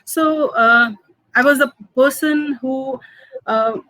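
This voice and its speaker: In a high voice, a food entrepreneur from Manipur, India in her fifties, whose first languages are Hindi and Manipuri, recalls her personal story in interview answers. She halts frequently, filling gaps with fillers and soft laughs. There is no room sound, but the recording is rough.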